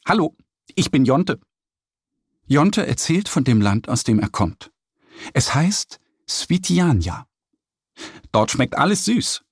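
A man reading a children's story aloud with lively voices for the animals. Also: medium pitch, husky, no room sound, clean studio sound. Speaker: narrator.

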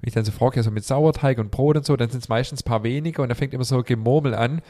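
Speaking quickly in a dark, mid-range voice, a man hosts a podcast while nursing a cold that leaves him slightly stuffy. The chat is casual and meandering, peppered with fillers and restarts.

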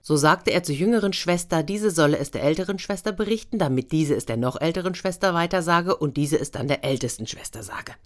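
A woman narrating a fairy tale in a gentle, expressive storytelling manner. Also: deep voice, a little fast, hardly any pauses. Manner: gentle, expressive storytelling, brief voices for figures.

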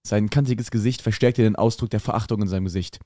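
A man's voice: lowish voice, fairly even intonation, fast, mellow, dry recording, studio quality. A man co-hosting a podcast, reading a fan story aloud with dramatic flair and laughing at the text. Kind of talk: comic read-aloud.

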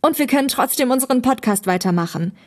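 A woman voicing a cheerful young podcaster in a read-aloud story, speaking quick and upbeat. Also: mid-range voice, darkish tone, natural voice.

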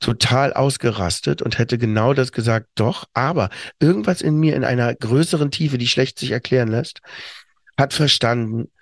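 A man's voice: mid-range voice, normal speed, gravelly, no echo. A middle-aged man co-hosting a podcast, talking in casual chat, reflective, with many fillers and restarts. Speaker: podcast co-host.

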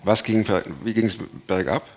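A man hosting an interview, asking questions in a relaxed, joking manner. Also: lowish voice, normal speed. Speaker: host. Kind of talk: casual interview.

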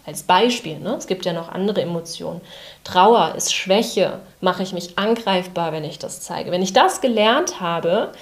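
A woman coach giving a calm, explanatory live talk, speaking directly to the viewer. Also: on the low side, unhurried.

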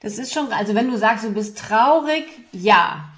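A woman's voice: fairly high pitch, expressive, normal speed. A woman co-hosting a casual parenting podcast, explaining her views reflectively and often checking in with "ne?". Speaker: podcast co-host.

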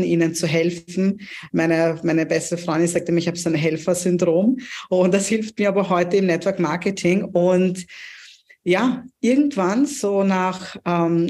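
A woman's voice: fairly low pitch, darkish tone. A woman in her thirties, originally from Pakistan, telling her career story as a podcast guest in an earnest, reflective way with frequent hesitations. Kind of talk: interview storytelling.

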